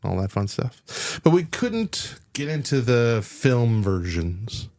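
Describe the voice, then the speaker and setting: Male podcast host, lively up-and-down delivery, chatty and quick to laugh. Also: mid-range voice. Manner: animated, laughs often, loose rambling asides. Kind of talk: casual podcast chat.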